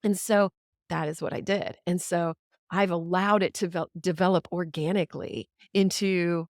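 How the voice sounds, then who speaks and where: A woman's voice: on the low side, fairly even intonation, normal speed, no echo, clean studio sound. A middle-aged woman chatting candidly as a podcast guest, rambling and swearing freely, often laughing. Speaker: podcast guest, musician and writer. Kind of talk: casual conversation.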